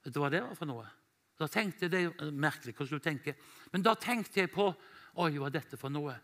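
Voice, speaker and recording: A man from Norway, an evangelist, telling a story in a church sermon, animated and quoting himself and others. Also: on the high side. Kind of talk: sermon testimony.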